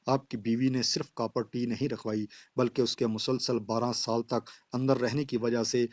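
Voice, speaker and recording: A man reading as a calm female doctor. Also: mid-range voice, dry recording, natural voice. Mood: clinical. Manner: formal, matter-of-fact. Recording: dull, dry lo-fi voice track.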